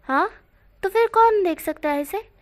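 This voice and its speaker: A woman's voice: very high-pitched, lively intonation, measured pace, pitched above the performer's own voice. A woman reading a cheeky teenage boy. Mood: innocent. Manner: innocent, insistent. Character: fifteen-year-old boy, cheeky and stubborn.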